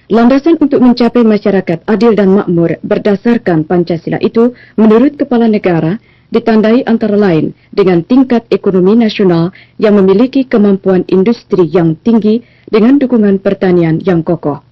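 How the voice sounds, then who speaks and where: A woman newsreader delivering a formal television news bulletin in a measured, even manner, heard as old 1980s broadcast sound. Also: medium pitch, no room sound. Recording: dull, lo-fi, dry archive broadcast audio.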